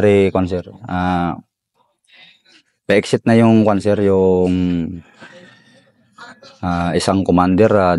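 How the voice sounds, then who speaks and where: A middle-aged Filipino soldier from the Philippines, telling a war story in an interview, deferential and halting with many fillers. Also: male voice, lowish voice, darkish tone, no room sound. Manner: deferential, says "sir" constantly, halting with fillers. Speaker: soldier recounting combat.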